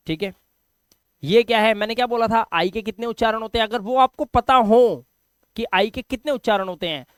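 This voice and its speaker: A man's voice: high-pitched, a bit bright, smooth, dry recording, studio quality. A man with a Hindi accent teaching English spelling and pronunciation, spelling words letter by letter and answering his own questions. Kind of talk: spoken phonics lesson.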